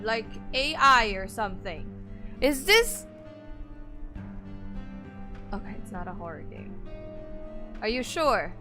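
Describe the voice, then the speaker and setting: A young woman with a raspy, high, bright voice and a forceful tone chats casually on her gaming stream. She greets her chat and laughs often.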